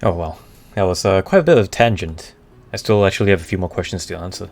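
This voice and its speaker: A man chatting casually on a live stream, answering questions in a halting way as he searches for the right words. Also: deep voice, a little mellow. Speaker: streamer, VTuber. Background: background music.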